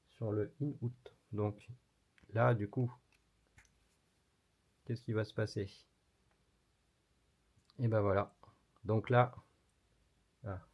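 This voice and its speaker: On a dull, lo-fi recording, a man with a husky, fairly low voice runs an electronics tutorial. He chats easily while showing the work hands-on, swearing mildly from time to time.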